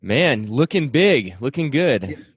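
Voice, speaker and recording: A man's voice: medium pitch, sing-song, takes it slowly, husky, dry recording. A man hosting a podcast interview, upbeat and friendly, often saying "man". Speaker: podcast host.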